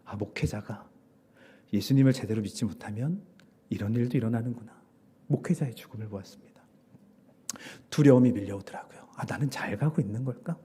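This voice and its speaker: A man's voice: fairly low pitch, brisk, long pauses, warm tone, breathy edge. A man, a pastor, preaching a Sunday sermon as a personal testimony, often dropping to a whisper for his inner thoughts. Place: church sanctuary.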